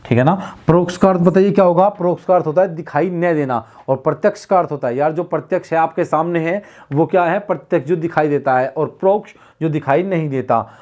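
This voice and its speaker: A man leads an online exam-prep class in Hindi grammar, with a voice a little higher than most men's. He keeps asking a question, answers it himself and repeats the answer. His delivery is steady, patient and drill-like. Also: a little fast, few pauses. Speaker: Hindi teacher.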